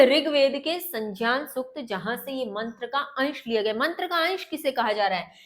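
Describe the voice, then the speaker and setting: A woman Sanskrit teacher, explaining a textbook lesson slowly, glossing each word and repeating it. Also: high-pitched, animated, pushed and bright.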